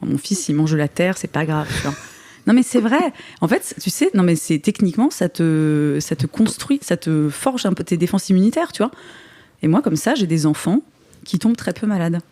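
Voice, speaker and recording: A woman's voice: fairly low pitch, big pitch swings, moderate pace, warm tone, no echo. A woman in her thirties from eastern France, a podcast guest chatting casually, laughing often and restarting her sentences. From Moselle, eastern France. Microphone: studio microphone.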